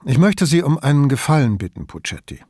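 A man voicing an older male police commissioner who speaks calmly and wryly. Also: on the high side, brisk, no echo. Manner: calm, dry, wry. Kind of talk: audiobook character voice.

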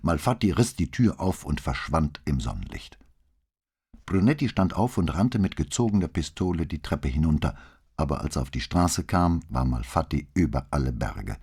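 A deep, husky male voice narrates a scripted crime novel as an audiobook reader. His delivery stays steady and deliberate.

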